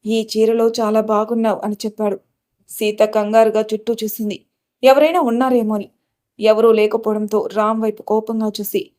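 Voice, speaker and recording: A woman's voice: a little high, darkish tone. A woman reading a romantic family story aloud, voicing every character's lines in her own voice. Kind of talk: scripted narration of a love story.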